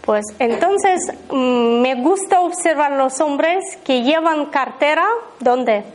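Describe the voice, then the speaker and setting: High-voiced woman leading a workshop. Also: takes it slowly. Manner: chatty, tells anecdotes, keeps asking the listeners "¿vale?". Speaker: abundance workshop leader. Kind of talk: informal talk to a live group.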